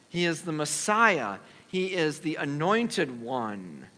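A man preaching a sermon as pastor, earnest and measured, pausing and restarting as he explains scripture. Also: fairly high pitch, sharp tone. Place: church sanctuary. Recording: long church reverb.

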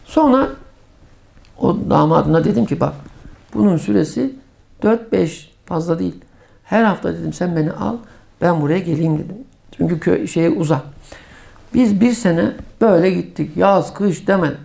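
Gravelly middle-aged guy preaching, tells stories and gets loud and high on the big points. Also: normal speed. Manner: emphatic storytelling, rising to sharp high exclamations. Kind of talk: sermon with personal stories.

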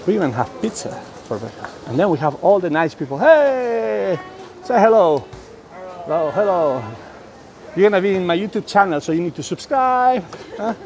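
Gravelly Spanish-born man vlogging. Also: high voice, normal speed. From Spain. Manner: chatty, excitable, lots of fillers. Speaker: vlogger touring the food halls. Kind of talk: casual walking vlog. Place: indoor cafeteria and dining hall. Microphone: phone camera at arm's length. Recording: noisy phone recording.

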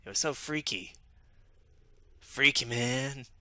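A man's voice: mid-range voice, slow, bright, forceful tone, no echo. A man voicing a laid-back, easily spooked young man, reading game dialogue in a drawling, slangy way.

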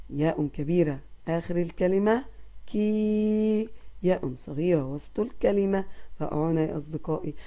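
A woman teaching a recorded lesson to kindergarten children. She praises them gently often and draws out sounds for them to repeat. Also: on the low side.

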